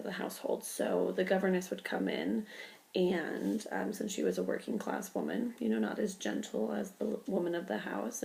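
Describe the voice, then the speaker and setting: A young woman with a cold gives an informal class presentation in a stuffy, congested voice with a gravelly creak, full of ums and likes. Her voice is medium-pitched and darkish, and the recording is rough.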